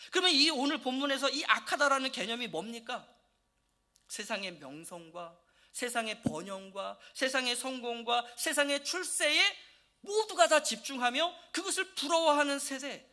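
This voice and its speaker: Male pastor, very high bright voice, sermon full of rhetorical questions. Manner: asks the congregation many rhetorical questions. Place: church.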